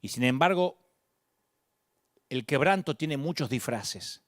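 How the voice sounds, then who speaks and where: Dramatic preacher man, lively voice. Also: slow pace, no echo, clean studio sound. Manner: dramatic, shifts from booming calls to hushed murmurs. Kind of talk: sermon.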